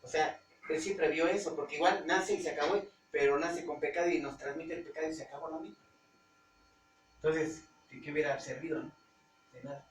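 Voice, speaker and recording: Mexican pastor preaching in a roomy hall. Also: male voice, on the high side, fairly even intonation, faint music behind. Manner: conversational, halting, searches for words. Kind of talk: informal Bible-study preaching. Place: church hall. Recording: roomy church hall, distant mic, faint hum.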